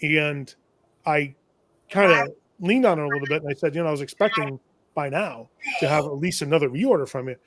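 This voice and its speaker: Man, somewhat high pitch, casual rambling storyteller, self-correcting, wry. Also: a little fast, a bit bright, no echo. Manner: rambling, self-correcting, chuckles at own misfortune. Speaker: shop owner and tool vendor. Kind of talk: casual storytelling on a live show.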